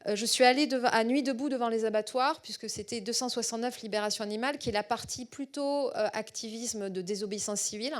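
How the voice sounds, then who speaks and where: A middle-aged woman with a southwestern French accent gives a public lecture as a researcher. She often pauses on fillers and repeats words. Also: fairly high pitch.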